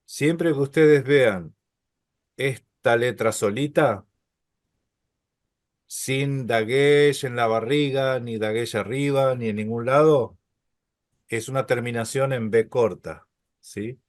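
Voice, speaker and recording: A middle-aged man guides a live Hebrew class, sounding out each letter at a very unhurried pace. His voice sits in a middle register and is recorded dry and close, with no room echo. He keeps checking that students follow with a gentle "¿sí?". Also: mid-range voice. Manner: patient, slow letter-by-letter explanations with frequent "¿sí?" checks. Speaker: Hebrew teacher. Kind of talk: live online Hebrew lesson.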